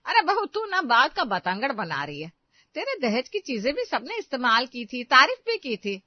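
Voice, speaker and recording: A woman's voice: sits high, huge pitch swings, normal speed, no room sound, heavily acted. A woman voicing a middle-aged cartoon mother-in-law who placates and brushes off complaints. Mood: defensive. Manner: placating, dismissive. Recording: dry, dull lo-fi voice track.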